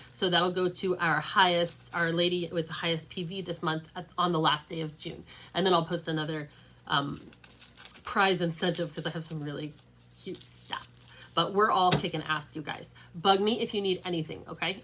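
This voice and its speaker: A woman leading her sales team in a casual livestream pep talk, chatty and upbeat, with lots of fillers and warm encouragement. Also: on the low side, slight background noise. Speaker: direct-sales team leader. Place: at home.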